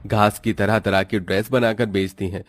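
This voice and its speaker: Low-voiced male storybook narrator. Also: moderate pace. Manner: steady, explanatory storytelling.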